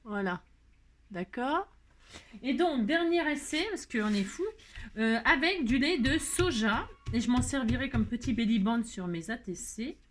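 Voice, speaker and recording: A woman's voice: a little high, animated, a little slow, a little hiss or hum. A middle-aged woman hosting a casual craft tutorial, chatty and rambling with lots of fillers and repeated words. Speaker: craft video host.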